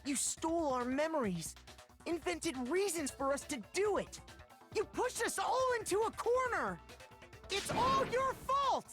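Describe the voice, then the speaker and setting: A woman's voice: very high voice, big pitch swings, a little slow, a bit bright, soft background music, full character voice. A woman playing an earnest, defiant teenage schoolboy hero in a video game, indignant and emphatic. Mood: furious. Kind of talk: English video game voice acting.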